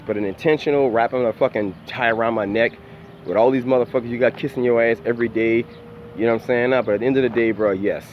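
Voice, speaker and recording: A man's voice: medium pitch, muffled recording, slight background noise. A man out of breath on a morning walk outdoors, rambling through a casual opinion vlog in profane, slangy talk. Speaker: YouTube opinion commentator.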